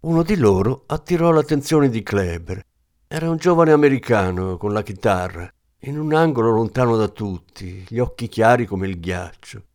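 A man narrating an audiobook in a measured, steady reading voice. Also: on the low side, no echo, studio quality. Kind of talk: scripted narration.

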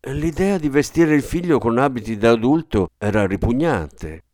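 A man reading a literary story aloud as an audiobook narrator, in an expressive, measured storytelling manner. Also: mid-range voice, no room sound, studio quality. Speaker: audiobook reader.

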